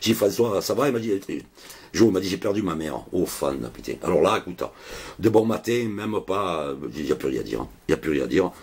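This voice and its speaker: A man's voice: sits low, sing-song, brisk, darkish tone, breathy edge. A man telling a rambling, chatty story to camera in a casual vlog, full of swearing and asides. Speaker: vlogger.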